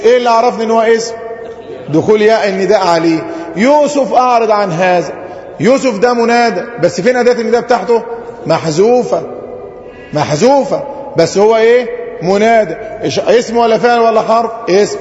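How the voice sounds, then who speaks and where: A man with an Egyptian Arabic accent teaching a grammar lesson, who keeps asking the class questions, answering them himself and drawing out example phrases slowly. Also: sits high, a little mellow. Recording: roomy lo-fi hall recording.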